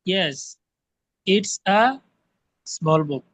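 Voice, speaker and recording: A man answering in an online English class, hesitant and halting as a student. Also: a little high, fairly bright tone, breathy edge.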